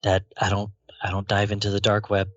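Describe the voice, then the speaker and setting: A man playing a tabletop game in character, speaking calmly and matter-of-factly. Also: lowish voice, fairly quick, no echo. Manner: calm, reassuring, matter-of-fact. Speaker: player. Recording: dull lo-fi dry mic.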